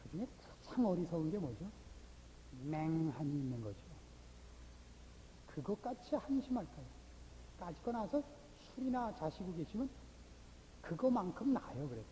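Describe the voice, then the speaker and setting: Lively, teasing preacher in a reverberant hall. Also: medium pitch, moderate pace, pauses often, slight background noise. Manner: scolding rhetorical questions to the congregation. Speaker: pastor. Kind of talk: sermon.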